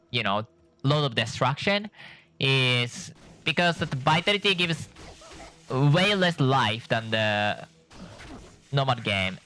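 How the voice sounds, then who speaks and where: Man, gameplay commentary, sleepy, rambling, self-correcting, bright tone. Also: medium pitch. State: tired from lack of sleep. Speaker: gameplay streamer.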